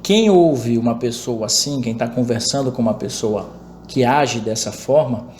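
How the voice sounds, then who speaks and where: A man from Pará, Brazil, hosts a conversational interview and keeps chiming in with agreement. His voice is mid-pitched. The room is echoey, with a faint hum of noise behind him. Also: normal speed, a little mellow. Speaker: interview host.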